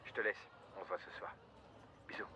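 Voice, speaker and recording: A man's voice: fairly quick, sharp tone, slight background noise. A man playing an earnest young boyfriend in a dubbed film scene. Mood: hurried.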